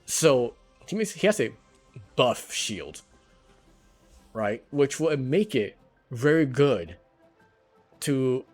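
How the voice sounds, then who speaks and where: A male streamer chats through a headset mic, rambling along in a casual, mid-pitched voice. He swears offhandedly between thoughts. Faint game music plays underneath. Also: sing-song, takes it slowly, long pauses. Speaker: livestreamer. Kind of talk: casual gameplay commentary. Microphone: livestream headset mic.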